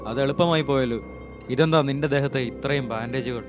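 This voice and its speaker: A man's voice: mid-range voice, brisk, lightly acted. A man voicing an arrogant, menacing fish-man pirate boss in an anime recap, read plainly in his own voice. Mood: scornful. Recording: voice-over with clear music behind.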